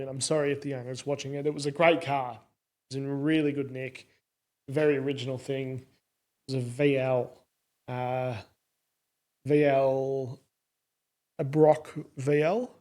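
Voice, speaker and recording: A man's voice: mid-range voice, fairly even intonation, moderate pace, long pauses, darkish tone. A man with a broad Australian accent chatting casually, in a laid-back, colloquial and self-deprecating way. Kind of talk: casual car chat.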